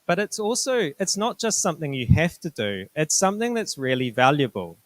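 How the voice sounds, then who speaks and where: A fairly high-pitched, very animated middle-aged man with a New Zealand accent presents information to students in his role as a university director. He comes from New Zealand, his manner is polite, measured and explanatory, and there is no echo.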